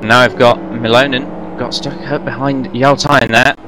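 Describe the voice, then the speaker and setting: A man giving fast, running play-by-play commentary on a sim race, now and then correcting himself. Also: medium pitch, flat delivery. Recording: race car engine noise behind voice. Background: racing car engines.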